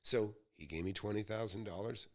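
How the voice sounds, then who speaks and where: A man's voice: on the low side, a little fast. A man in his sixties from the United States, hosting a live Q&A and giving real estate advice in a folksy, rambling storytelling way. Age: 60s. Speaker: real estate mentor host.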